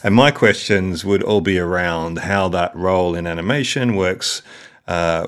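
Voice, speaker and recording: A man hosting a podcast in a low voice. He asks friendly, halting questions and restarts them often as he steers the interview. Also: fairly bright tone. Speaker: podcast host.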